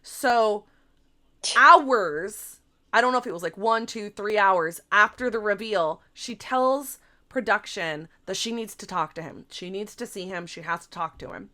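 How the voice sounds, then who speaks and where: A woman podcast co-host in casual chat, retelling a story in an animated, gossipy way, full of "like" and casual swearing. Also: mid-range voice, a little slow.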